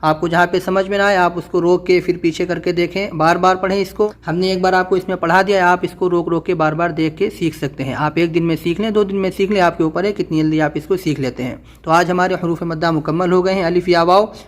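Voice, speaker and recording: A man teaching Quran reading, drawing out letter sounds slowly and then explaining quickly. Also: sits high, fairly even intonation. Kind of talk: spelled-out reading lesson.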